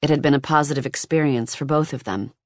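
An audiobook narrator giving a measured, even reading of nonfiction, recorded close in a booth. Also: mid-range voice, no echo.

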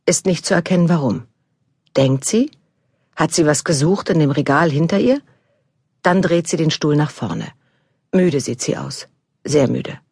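A woman's voice: low-pitched, a little slow, creaky, pauses often, darkish tone, breathy edge, dry recording, studio quality. A woman narrating a contemporary novel as an audiobook, raising her voice for the characters' dialogue.

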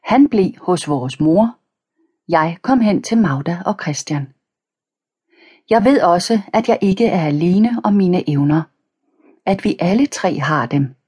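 A woman narrating a children's audiobook in the first person, calm and even, reading page numbers aloud. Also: fairly low pitch, breathy edge. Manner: reads page numbers aloud between passages.

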